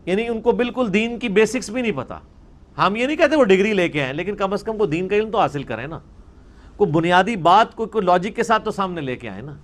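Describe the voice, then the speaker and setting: A man's voice: high-pitched, lively intonation. A man giving a religious lecture, arguing and mocking his opponents' views. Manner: mocking, argumentative, mimics opponents.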